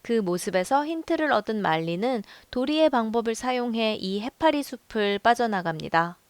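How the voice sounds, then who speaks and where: A woman narrating a film review in a calm, measured storytelling voice. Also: on the high side, clear, resonant tone, no room sound. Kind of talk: scripted voice-over narration.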